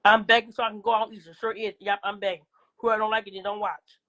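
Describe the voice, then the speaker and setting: Woman livestreamer, mid pitch, combative and profane, coughing at times, casual phone-live rant. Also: level tone, fast talker, sharp tone, dull audio. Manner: combative, profane, talking back to viewers.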